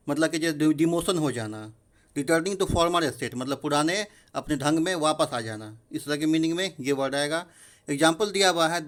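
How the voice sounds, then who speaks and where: A man explaining English vocabulary in Hindi, reading the English definitions out slowly. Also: fairly high pitch. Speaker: vocabulary teacher. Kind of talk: explaining word meanings in a recorded lesson.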